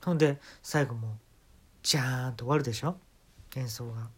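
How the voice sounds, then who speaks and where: A man's voice: mid-range voice, brisk, husky. A man with a Kansai accent telling a comic story as a monologue, acting out sounds and quoted lines along the way. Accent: Kansai Japanese.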